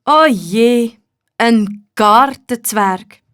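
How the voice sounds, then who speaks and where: Storybook mom, practical, measured, by a Swiss German woman narrator. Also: on the high side, expressive, no echo, clean studio sound, natural voice. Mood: unenthusiastic. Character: mildly reluctant mother, practical. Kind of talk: children's storybook reading.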